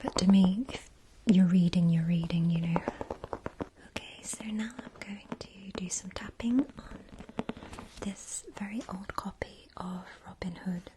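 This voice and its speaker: A woman's voice: lowish voice, steady tone. Whispering ASMR woman, noisy clicky recording. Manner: soft unvoiced whispering, gentle and unhurried. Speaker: ASMR video creator.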